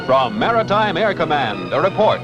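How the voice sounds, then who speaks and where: Brisk old newsreel announcer, muffled. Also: male voice, a little high, sing-song. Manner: brisk, declamatory announcer delivery. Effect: old newsreel sound. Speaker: newsreel narrator. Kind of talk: 1950s newsreel narration. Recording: muffled lo-fi newsreel audio with music. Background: music score.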